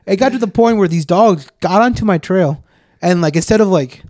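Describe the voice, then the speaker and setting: A young man co-hosting a podcast, telling stories in a loose, profane, animated way with plenty of fillers. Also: high-pitched, a little fast, no echo, studio quality. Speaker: podcast co-host. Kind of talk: casual storytelling chat.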